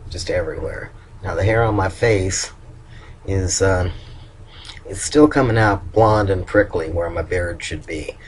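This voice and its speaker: A hoarse older man, a vlogger, gives a casual personal video update in a very low voice that goes nasal at times. He stops and starts often, with frequent ums and restarts, over slight background noise.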